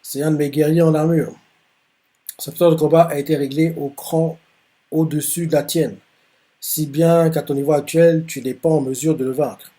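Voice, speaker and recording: Man, casual manga recap, mellow tone, rambling, many fillers. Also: on the high side, steady tone, moderate pace. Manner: rambling, full of fillers and restarts. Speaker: manga reaction host. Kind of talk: casual retelling of a manga chapter.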